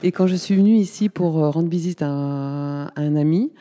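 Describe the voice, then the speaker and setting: Parisian-born lady in her 50s chatting on air, mellow voice, lots of "euh", reverby sound. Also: deep voice, normal speed. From Paris, France. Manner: chatty, hesitant with many fillers. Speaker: guest, community space coordinator. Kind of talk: casual radio interview.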